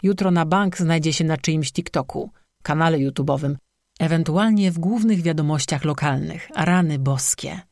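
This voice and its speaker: Audiobook narrator with a wry, sarcastic delivery, dry close recording, mid pitch. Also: moderate pace, a little mellow, no room sound.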